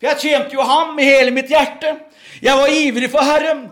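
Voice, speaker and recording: A man's voice: very high voice, fairly even intonation, fairly bright tone. A man preaching a revival sermon and testimony, fervent, repeating words and punctuating with amen.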